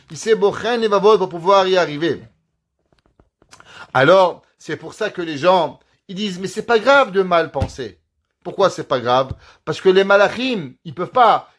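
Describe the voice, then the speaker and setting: Male rabbi, high-pitched, lively, teaching by question and answer. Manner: animated, questioning the audience and answering himself. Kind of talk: Torah lesson in French.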